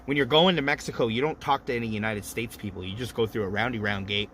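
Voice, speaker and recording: A man in his thirties hosts a livestream, a little drunk and spinning rambling, profane stories in loose, casual chat. He talks fast at a medium pitch, with background noise behind him.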